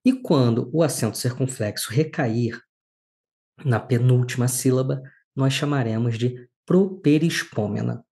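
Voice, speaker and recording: A man teaching a recorded lesson, explaining slowly and clearly and stressing syllables. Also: mid-range voice, mellow.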